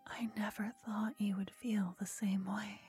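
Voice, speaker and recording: A woman playing an obsessive, lovestruck fantasy stalker in a sultry, breathy, soothing whispered role-play, tender and possessive. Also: medium pitch, flat delivery, faint music behind, natural voice. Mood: yearning, possessive. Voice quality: breathy, soft. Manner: sultry, breathy, slow, soothing narration to the listener.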